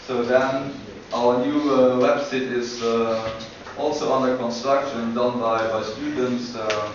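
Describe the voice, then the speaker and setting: A man giving a short conference pitch about a school project, halting and full of filler sounds. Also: steady tone. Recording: echoey hall, far from mic, dull, noisy.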